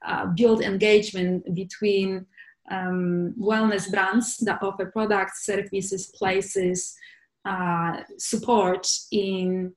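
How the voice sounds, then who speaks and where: A woman's voice: mid-range voice, steady tone, slow, darkish tone. A woman from Poland, a guest in a casual interview, talking in a searching way with many fillers and restarts. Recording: echoey room.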